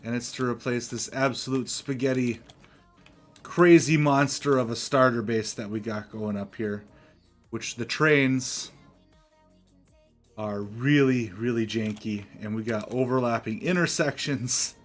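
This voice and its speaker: Slow-paced man, casual game streamer. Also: mid-range voice, faint music behind. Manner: thinking aloud, often chuckling. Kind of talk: casual live gameplay commentary, chatting to viewers.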